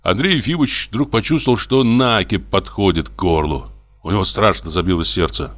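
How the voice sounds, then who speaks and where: Male audiobook narrator, low voice, measured and expressive. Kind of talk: audiobook reading of classic fiction.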